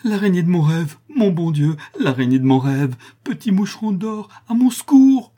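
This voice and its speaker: Gringalet, a small orphan boy crying in terror with shrill, pleading cries and a high, strained voice, as a man reads him out. The tone is husky and dark underneath the panic. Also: animated, moderate pace. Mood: panicked.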